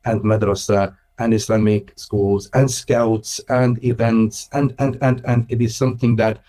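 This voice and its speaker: A man's voice: medium pitch, level tone, a little slow, warm tone. Thoughtful Swiss-raised man in conversation. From Switzerland. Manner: thoughtful, with frequent restarts and laughs. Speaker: guest, Islamic school director. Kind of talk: casual conversational interview.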